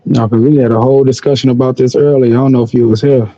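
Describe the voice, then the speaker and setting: A man talking fast on a casual live panel and pulling others into the conversation. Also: medium pitch, steady tone, warm tone, no room sound. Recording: dry dull lo-fi audio.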